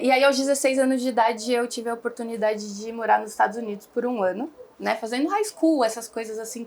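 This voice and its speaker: As a guest in an interview, a young Brazilian woman who founded an online English school talks in a chatty, rambling way full of fillers. Her voice is fairly high-pitched with vocal fry.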